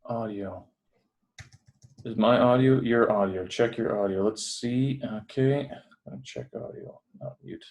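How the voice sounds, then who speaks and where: A Canadian man hosts a podcast interview over a video call, chatting casually in a friendly, rambling way with lots of fillers. His mid-range voice is unhurried with a darkish tone. He's wearing headphones and is in a building away from home.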